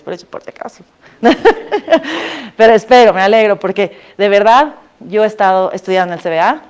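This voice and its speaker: A woman gives an informal talk to a live audience as a former student, chatty and animated, with asides and questions to the room. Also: fairly low pitch, smooth. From Bolivia. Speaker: invited speaker, former student and scholarship alumna.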